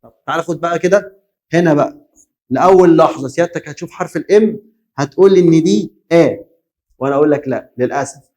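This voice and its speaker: A young Egyptian man with a fairly high voice teaches a lesson with plenty of energy. He quizzes his students, asks them to repeat words after him, and answers his own questions. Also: fast talker, warm tone. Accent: Egyptian Arabic. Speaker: English teacher. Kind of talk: Egyptian Arabic classroom lesson.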